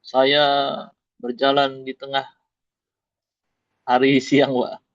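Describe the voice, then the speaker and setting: A male student giving brief, polite answers to his teacher in an even, flat voice. The sound is dry and close, with a dull lo-fi quality. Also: medium pitch, slow, no echo.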